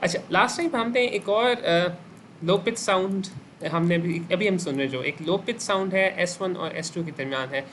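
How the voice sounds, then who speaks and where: A man with a Pakistani Urdu accent delivers a medical class lecture in a high-sitting, fairly bright voice at normal speed, with a little hiss or hum audible. He quizzes his students, repeats their answers back, and mixes English medical terms into his speech.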